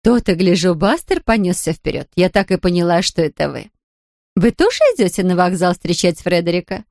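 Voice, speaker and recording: A fussy middle-aged mother who frets and scolds, as a woman reading a storybook puts her on. Her voice drops lower than the narration, close and dry. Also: brisk, darkish tone, no room sound, lightly acted. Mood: friendly.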